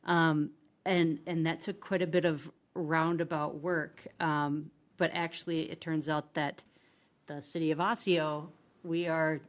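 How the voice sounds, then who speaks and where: A woman, an assistant city administrator, presenting agenda items at a city council meeting in a halting way, with many filler ums and restarts. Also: sits low, level tone.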